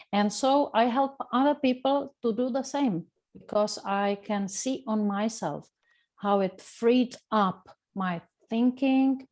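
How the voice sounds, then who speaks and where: A woman's voice: medium pitch, darkish tone. A middle-aged woman from Czechia with a Czech accent, speaking earnestly as a coach in a webinar. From Czech Republic. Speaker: coach and lecturer. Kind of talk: webinar talk. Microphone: video call.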